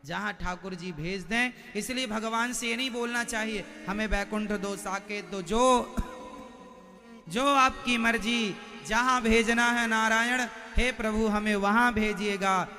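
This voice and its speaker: High, bright-voiced man preaching slowly. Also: fairly even intonation, big-room sound, soft background music. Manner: slow, emphatic, addresses listeners directly with questions. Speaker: preacher of religious storytelling. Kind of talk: devotional sermon with sung verses.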